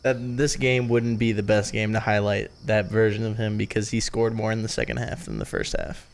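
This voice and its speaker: A man's voice: on the low side, lively intonation, normal speed, creaky. A young man co-hosting a sports podcast, chatting casually in a dry, blunt, argumentative way. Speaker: podcast co-host.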